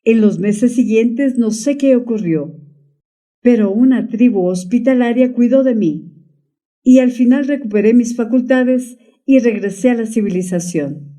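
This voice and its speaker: A woman reads the part of a man returned from presumed death, calm and resigned, with a quiet, faintly bitter understanding. His voice is dark and mellow. It sounds set back from the mic in a storybook reading. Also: fairly high pitch, unhurried, distant mic, natural voice. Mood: explaining.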